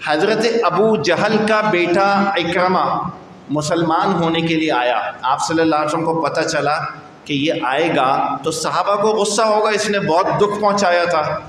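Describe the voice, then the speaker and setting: A man's voice: fairly high pitch, fairly bright tone. A man from Pakistan delivering a sermon to a congregation in a mosque, exhorting them with rhetorical questions. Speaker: mufti preacher. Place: large mosque hall. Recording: echoey mosque with long reverb, faint noise.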